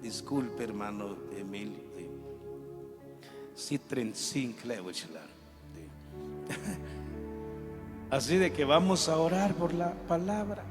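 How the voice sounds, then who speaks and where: A man's voice: mid-range voice, slow pace, pauses often. A man preaching a sermon, with a fervent, joking delivery. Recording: reverberant hall with music behind.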